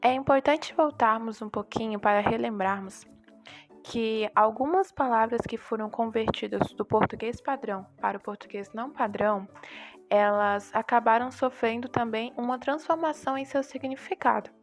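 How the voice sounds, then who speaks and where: A woman's voice: a little high, moderate pace, soft background music. A young woman, a student, explaining a book chapter to her class with rhetorical questions. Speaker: student presenting a group assignment. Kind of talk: class presentation.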